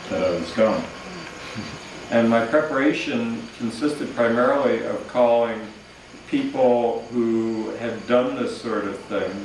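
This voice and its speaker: A man's voice: fairly low pitch, heavy reverb, recorded from a distance, background noise. A man recalling past events in a dry, matter-of-fact way. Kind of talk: documentary interview.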